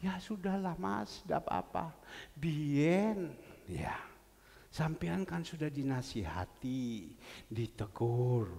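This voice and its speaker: A patient middle-aged wife, gentle and resigned, hushing and chiding her ailing husband, as a male pastor puts her on. The voice drops low and soft, and a long church reverb hangs behind it. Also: lively intonation, slow, vocal fry, exaggerated voice. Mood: soothing.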